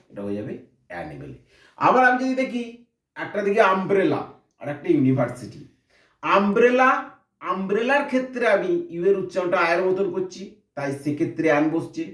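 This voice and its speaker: High, lively man teaching a grammar lesson. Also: reverberant, distant mic. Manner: explains step by step, asking and answering his own questions.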